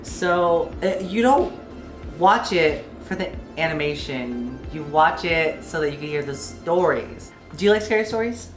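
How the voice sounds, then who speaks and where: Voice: mid-range voice, expressive, a little slow, echoey room, music in the background. A sassy, campy drag queen host chatting casually and teasing while reacting to videos. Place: indoor studio with plain lit backdrop.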